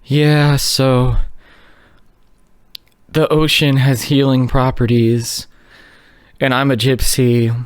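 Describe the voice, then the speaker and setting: A man's voice: medium pitch, flat delivery, smooth, dry recording, studio quality, lightly acted. A man putting on a creepy hippie woman. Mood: dreamy. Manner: creepy, dreamy and slow. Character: eerie barefoot middle-aged hippie woman.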